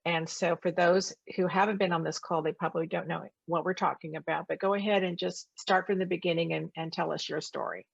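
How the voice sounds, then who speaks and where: A woman hosts a video call interview in a deep, gravelly voice with a husky edge. She encourages her guests, backchannels often and restarts her questions mid-sentence. The audio is dull and lo-fi. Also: fairly even intonation, fairly quick, few pauses, no room sound.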